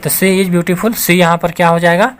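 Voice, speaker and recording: A man's voice: high voice, steady tone, moderate pace, fairly bright tone, clear, resonant tone. A man teaching an English grammar lesson, explaining patiently and repeating each point with frequent checks that the listeners follow. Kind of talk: classroom-style grammar lesson.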